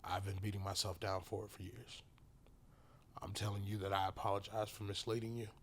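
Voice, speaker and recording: A man telling his personal story as a podcast guest, halting and full of restarts, sometimes dropping to a whisper. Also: lowish voice, little pitch movement, a little hiss or hum. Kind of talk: emotional personal testimony.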